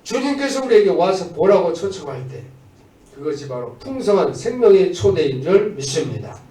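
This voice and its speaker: With a high voice, big pitch swings, and a mellow tone at normal speed, a man delivers a Sunday sermon as pastor inside a church. He alternates emphatic proclamations with conversational asides while urging on his listeners, recorded from afar in an echoey room.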